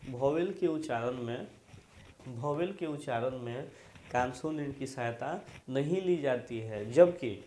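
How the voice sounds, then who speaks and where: A man's voice: mid-range voice, a little mellow, a little hiss or hum. A man teaching an English grammar lesson, drilling points again and again and quizzing his students, asking them to repeat after him. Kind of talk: classroom lesson explaining grammar. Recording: echoey room.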